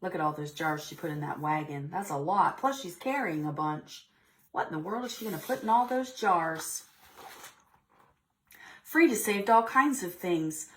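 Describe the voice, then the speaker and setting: Reading a picture book expressively at a preschool storytime, a woman with a fairly low, fairly bright voice pauses now and then to put questions to the children.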